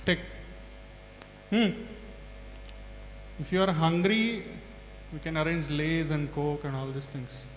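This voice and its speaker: A man with a fairly high, steady voice and a South Indian accent lectures a large group interactively, going slowly and leaving long pauses while he repeats answers and poses short questions to students. The setting is a large hall, and the audio is echoey and reverberant with a faint hum.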